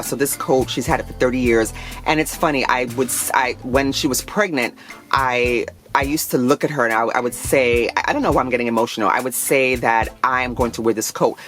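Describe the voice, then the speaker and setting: A woman in her thirties talks in a loose, chatty way, gushing with enthusiasm. She is a fashion vlogger speaking casually to her viewers, with soft music playing faintly behind her. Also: extremely low pitch. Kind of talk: casual chat.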